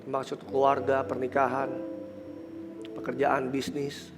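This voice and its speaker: In a large church hall, a pastor with an Indonesian accent and a congested, nasal voice preaches a sermon and leads prayer, slipping English phrases into his speech. His mid-pitched voice is completely flat at normal speed, though he rises to emphatic preaching and softens to murmured prayer, all in a big-room sound over music.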